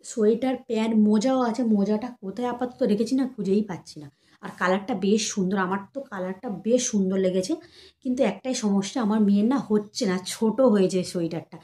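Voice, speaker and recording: A young woman chatting casually to her viewers, showing gifts for her baby and keeping her voice soft so the child sleeps. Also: a little high. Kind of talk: casual chat to camera.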